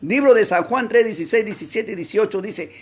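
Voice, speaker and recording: Man, Bible teacher, emphatic preaching, high-pitched, animated, rhetorical questions, loud exclamations and low asides. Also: fairly quick, slightly rough. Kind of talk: impassioned Bible class preaching.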